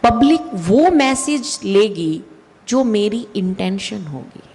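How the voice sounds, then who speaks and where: A woman giving a slow, deliberate spiritual talk with emphatic rises in her voice. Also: medium pitch, animated, dark tone, slightly rough. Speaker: spiritual speaker. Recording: long hall reverb.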